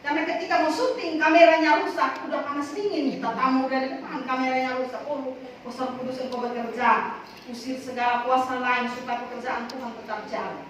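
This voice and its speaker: A woman with a high voice preaches a sermon full of personal testimony, her emphasis rising and falling. She is heard from a distance in a very echoey prayer hall, with clear background noise. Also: steady tone, brisk. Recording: echoey hall, from far off, noisy.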